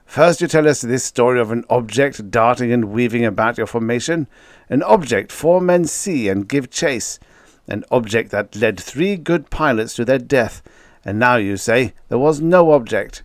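A man with an animated mid-range voice at normal speed, pitched above his own, lightly acts as a blunt, skeptical older male general. His delivery is blunt and challenging. The studio-quality recording has no room sound.

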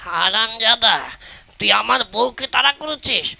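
Blustering village husband, acted by a man, shrill and gravelly, puppet-show style. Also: animated, unhurried, exaggerated voice. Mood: furious. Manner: blustering, cursing. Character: hot-tempered village husband. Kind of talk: folk puppet-show acting. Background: loud folk music.

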